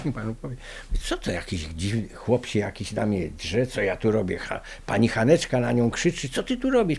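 An older Polish man, interviewed for an oral history, tells lively stories full of fillers. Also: medium pitch, gravelly, husky. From Poland. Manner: lively anecdotal storytelling with many fillers. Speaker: interviewee recalling the past.

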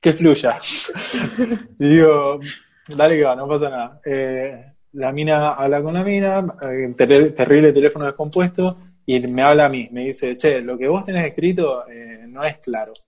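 A young Argentine man with a Rioplatense accent, casually telling a lively travel anecdote, laughing often and acting out the people in his story. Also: on the high side, measured pace. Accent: Rioplatense Argentine Spanish. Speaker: guest storyteller.

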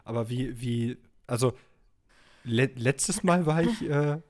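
A podcast guest keeping up a disguised deep voice after playing a role, talking in a joking, self-mocking way. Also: takes it slowly, darkish tone, close to an everyday voice. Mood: sheepish. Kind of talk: casual podcast chat in a put-on voice.

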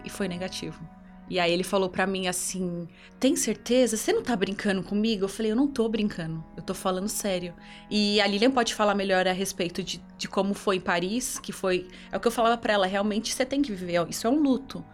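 A woman's voice: medium pitch, steady tone, fairly quick, soft background music. A woman with a Brazilian Portuguese accent, giving an emotional personal testimony in an interview and telling her story earnestly.

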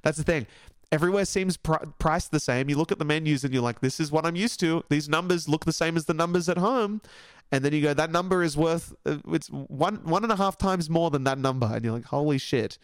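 A young Australian man hosting a podcast, chatting in a rambling, excitable way and swearing casually. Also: a little high, brisk, clean tone, no echo, studio quality. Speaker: podcast host. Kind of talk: casual solo podcast chat.

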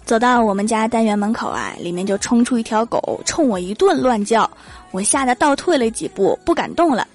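A woman's voice: fairly high pitch, lively intonation, a little fast, faint music behind. A young woman, telling funny stories in a punchy, joking way as a comedy host. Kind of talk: comedic storytelling monologue.

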